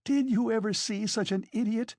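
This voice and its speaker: A narrator in a dramatised audiobook voices a frantic, furious, proud woman who is wasted and hysterical as she defends a girl, shrieking and exclaiming in a frantic fury. The voice is mid-range, sing-song, a little slow and darkish, pitched above the performer's own. It's a dry, studio-quality recording.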